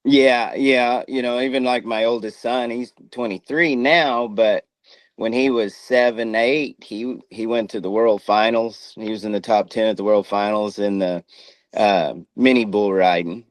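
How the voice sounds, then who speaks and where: Here the one-time rodeo rider and coach, a middle-aged man without his front teeth, speaks plainly and folksily in a casual interview. He keeps a steady tone at a measured pace, his lowish voice recorded with no room sound.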